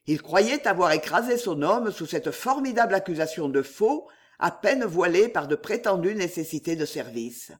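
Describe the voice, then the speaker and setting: A man reading a historical novel aloud in an expressive, measured way. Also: high voice. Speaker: audiobook narrator. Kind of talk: scripted novel narration.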